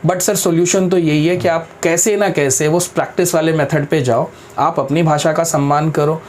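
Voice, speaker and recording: Man, interview guest, firm and practical, slightly high voice, faint background hum. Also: steady tone, normal speed. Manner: firm, practical, mixes English into Hindi; addresses interviewer respectfully as sir. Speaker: guest speaker on careers. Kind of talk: explanatory interview talk.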